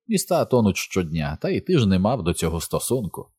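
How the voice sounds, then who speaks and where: A dry, ironic nobleman in an audiobook, read by a man. He speaks in a low, understated tone and lets the words carry the irony. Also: very animated, a little fast, mellow, husky, exaggerated voice.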